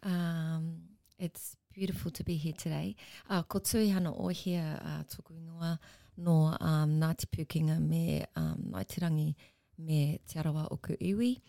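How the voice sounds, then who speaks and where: Aussie-accented woman in her 40s on a podcast, bit low, dry close sound, laughs a lot. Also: moderate pace, gravelly, few pauses, warm tone, dry recording. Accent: Australian. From New Zealand and Australia. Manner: laughs often, chatty and self-assured. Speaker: podcast guest. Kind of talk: casual podcast chat.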